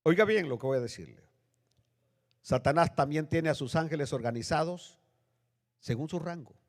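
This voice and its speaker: A male pastor preaching a sermon with dramatic swings between loud, high bursts and low, hushed lines. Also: animated, moderate pace. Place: church sanctuary. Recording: long reverb of a church hall.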